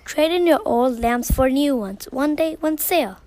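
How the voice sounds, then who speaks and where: A plotting evil magician speaks in a lowered, sly voice, as a woman reads the story. Even brought down, the voice still sits fairly high. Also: moderate pace. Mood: scheming. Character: scheming evil male magician.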